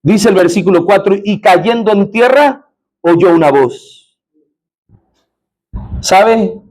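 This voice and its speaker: A man's voice: sits high, lively intonation, takes it slowly, darkish tone. A man preaching a sermon as pastor in a church, often asking the congregation questions.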